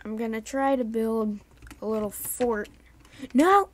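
Sleepy, slow-talking woman gamer. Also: on the high side. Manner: sleepy monotone. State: just woken up. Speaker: gaming YouTuber. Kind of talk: casual gameplay commentary.

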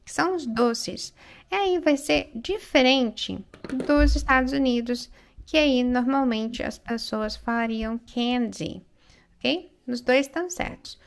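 Brazilian woman, English teacher, explaining in Portuguese, slow and careful, slightly high, gravelly. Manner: slow, careful delivery with frequent check-ins like "né?" and "ok?"; reads English lines aloud slowly and clearly.

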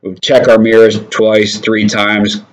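A man's voice: lowish voice, completely flat delivery, slow pace, low-quality recording. A man hosting a casual company safety update, upbeat and encouraging, who often checks in with "right?".

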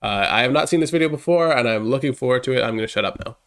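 Rapid-fire and lively in intonation, this young adult reaction host sounds stuffed-up and congested at a medium pitch. He rambles excitedly through casual commentary, recorded on a headset mic in a small room.

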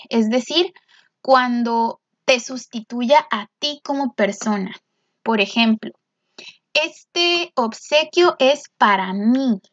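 A woman's voice: fairly high pitch, no room sound. A woman teacher patiently explaining grammar, often checking in with the listener. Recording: dull, dry lo-fi recording.

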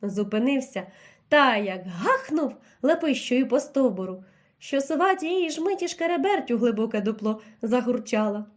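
Woman reading a kids' fairy tale, high voice, really animated and swoopy. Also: moderate pace. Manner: expressive, animated storytelling. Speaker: storyteller. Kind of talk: scripted fairy-tale narration.

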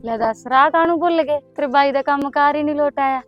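Actress doing a warm-hearted bhabhi type, teasing, higher voice. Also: female voice, fast talker, muffled recording, soft background music, close to an everyday voice. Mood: chatting. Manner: fond teasing comfort. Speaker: sister-in-law visiting the family. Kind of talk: village drama acting.

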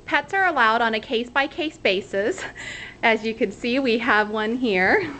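A woman's voice: fairly high pitch, lively intonation, moderate pace, sharp tone, slight background noise. A woman in her thirties, a real estate agent, giving an upbeat room-by-room tour of a rental condo, filmed on a handheld camera. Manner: upbeat, pointing things out room by room. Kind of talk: walkthrough narration of a rental tour. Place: outdoors at a front door, then walking through an empty condo.

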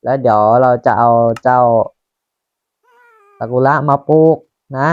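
A man's voice: mid-range voice, no room sound, highs cut off. A Thai man casually commenting on his own Minecraft building, chatting to himself as he works. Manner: slow, chatty, talking to himself while building. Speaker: Minecraft YouTuber.

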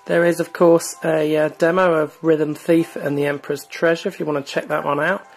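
Soft music plays beneath a man whose gravelly voice is a little high and moves at normal speed. He runs a gaming channel and casually tours a console's online store, chatty, easygoing and leaning on fillers.

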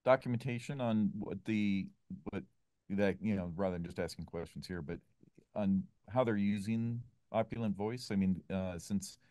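A man's voice: lowish voice, normal speed, warm tone, no room sound, clean studio sound. A man on a video call asking hesitant questions in a meeting, searching for his words.

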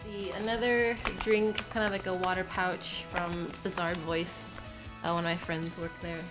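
Music plays under a young woman vlogger who sounds nasal and stuffed up from illness as she unpacks a bag in a small room. Her voice is on the low side with little pitch movement at normal speed, and she rambles casually with many fillers.

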